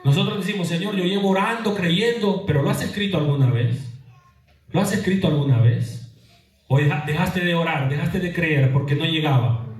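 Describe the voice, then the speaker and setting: A man's voice: on the high side, a little fast, a little mellow. A man preaching a sermon as a pastor, throwing questions to his congregation and answering them. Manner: preaching with call-and-response questions. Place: church hall. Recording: echoey church hall from far off.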